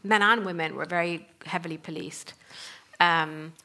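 Brief: woman from Sudan, author guest, lower pitch, gravelly edge, reflective delivery. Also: fairly even intonation, normal speed, sharp tone. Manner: thoughtful, frequent um fillers. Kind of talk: conversational talk.

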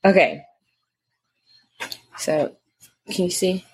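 A chatty young woman co-hosting a relaxed conversation, rambling along with plenty of fillers. Her voice sits a little low, and the recording is dry and close with no room sound. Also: extremely slow, husky, dry recording. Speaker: co-host. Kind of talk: casual chat.

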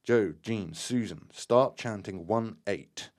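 A man voicing a male psychic medium who gives orders in a loud, urgent, commanding way. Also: lowish voice, moderate pace, lightly acted.

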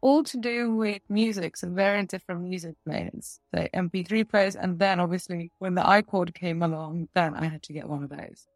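A woman in her forties, from Russia, answering interview questions in a confident, measured way with light laughs. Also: on the low side, no room sound, faint music behind. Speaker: guest, tech company founder.

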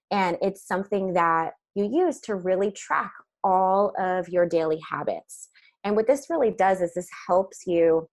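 A woman guest, a therapist and coach, explaining things calmly and plainly in an interview, like a counselor. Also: fairly low pitch.

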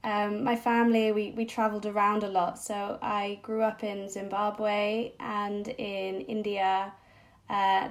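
Woman in her 30s, thoughtful podcast guest, lots of ums and restarts. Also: mid-range voice. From Singapore-born, raised abroad. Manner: reflective, hesitant, many fillers and restarts. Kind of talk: personal storytelling interview.

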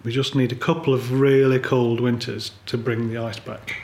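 A man's voice: medium pitch, little pitch movement, normal speed, background noise. A man, a polar photographer talking candidly and earnestly as a podcast guest, with a wry edge. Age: 50s. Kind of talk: reflective conversational chat. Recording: roomy echo.

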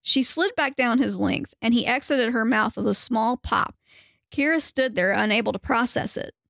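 A woman podcast host reading a novel aloud in a steady, even way, with banter. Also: a little high, normal speed, gravelly, no echo, clean studio sound.

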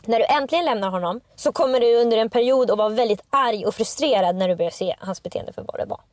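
Woman podcast host, kinda high voice, reads a bit then chats, super dry sound. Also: darkish tone, dry recording. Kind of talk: casual chat, reading from a book.

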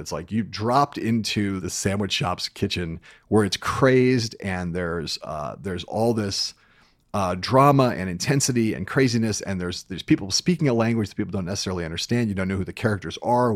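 A man hosting a podcast interview, talking conversationally in a halting but emphatic way, thinking aloud. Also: deep voice, no echo, studio quality. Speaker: podcast host.

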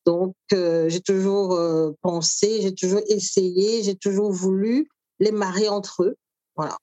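A woman's voice: mid-range voice, steady tone, dark tone, no echo. Thoughtful middle-aged woman from Cameroon. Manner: thoughtful, with frequent pauses and fillers. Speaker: author and cook, interview guest. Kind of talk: conversational interview.

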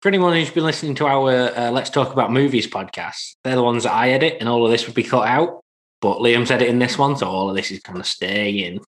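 A man's voice: medium pitch, fast talker. A man hosting a podcast with friends, chatting casually and laughing often. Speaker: podcast host. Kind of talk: casual chat among friends.

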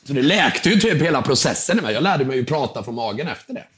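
The speaker is a young podcast guest with a touch of hoarseness, narrating an energetic story. When quoting the people involved, he performs them with dramatic leaps in pitch.

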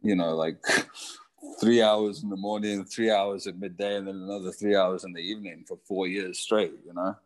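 A man's voice: low-pitched, steady tone, normal speed, darkish tone, a little hiss or hum. A young man from Zimbabwe, a surfer, talking casually as an interview guest with lots of fillers and restarts.

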